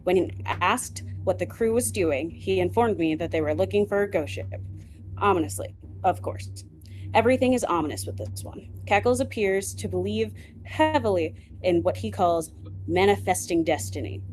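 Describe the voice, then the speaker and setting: This is a woman reading in-character case notes during an online tabletop game, keeping her delivery dry and measured. Her audio keeps cutting in and out over the call, and faint noise sits under her voice. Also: mid-range voice, darkish tone, poor audio.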